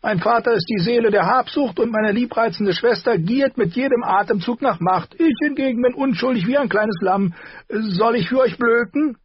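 A man's voice: very high-pitched, normal speed, muffled recording, a little hiss or hum, voice pushed up. A man voicing a mocking, sly male dwarf nobleman who talks with sarcastic, drawling mockery.

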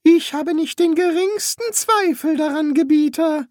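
A man voicing an ancient, pompous high priest who fawns over his master in an audiobook. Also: a little slow, darkish tone, dry recording, clean studio sound. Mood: fawning. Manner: pompous, fawning.

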